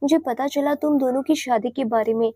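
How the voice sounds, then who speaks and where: Scheming rival, whiny and tearful, as a woman narrator puts her on, high and mellow; audio drama story. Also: steady tone, a little fast. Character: scheming tearful young woman, feigning innocence.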